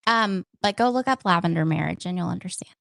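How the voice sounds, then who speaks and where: A woman co-hosting a casual political podcast, chatty and full of quick asides. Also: on the low side, creaky, a bit bright, no echo. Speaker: podcast co-host.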